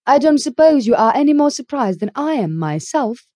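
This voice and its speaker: A woman's voice: high-pitched, sing-song, moderate pace, darkish tone, dry recording, voice pushed up. A woman voicing a stern, dry-spoken middle-aged spinster in a storybook reading, firm and plain. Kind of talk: audiobook character reading.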